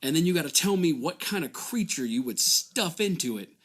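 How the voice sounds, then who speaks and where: A man co-hosting a casual comedy chat, rambling with stammered restarts and sudden excited jumps in pitch. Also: fairly quick, breathy edge. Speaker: comedy podcast co-host.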